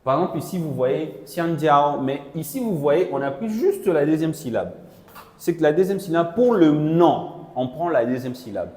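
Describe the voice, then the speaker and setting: In a classroom with long, echoing reverb, a man patiently renders a Chinese lesson in French, making sure students follow with "non?" and "voilà." His voice is a little high, mellow and expressive, at a moderate pace.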